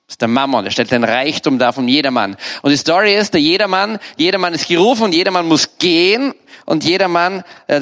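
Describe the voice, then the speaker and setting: A male preacher, delivering a sermon in a fairly high voice. He talks to his listeners one to one, conversational and direct, as if across a table. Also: a bit bright.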